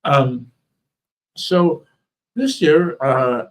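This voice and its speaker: A man's voice: medium pitch, animated, very slow, low-quality recording. A man with thick, slurred speech from a swollen tongue, weakened and fatigued, chatting casually on a livestream as an author and host.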